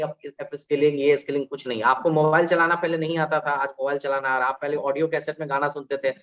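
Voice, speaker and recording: Guy on a panel, animated, throws out questions, slightly high voice, muffled lo-fi audio. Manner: animated, explains with examples and rhetorical questions. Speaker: invited alumni guest. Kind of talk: conversational panel talk. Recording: dull lo-fi recording.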